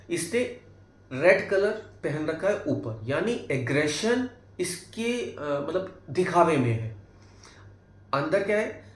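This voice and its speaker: A man with a Hindi accent teaching tarot basics, walking through each card and often checking in with tag questions and fillers. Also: a little high. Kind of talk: explaining cards one by one. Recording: echoey room.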